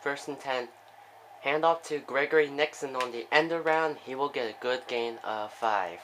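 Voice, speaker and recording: A young man giving casual play-by-play commentary on a football video game, with excitable bursts on big plays and chatty asides. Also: medium pitch, normal speed, slight background noise, rough recording.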